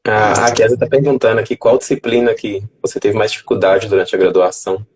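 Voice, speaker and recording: A man hosts a casual interview and puts short, relaxed questions to his guest. His voice is on the low side. Faint hiss runs under it. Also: a little fast, rough recording. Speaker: host.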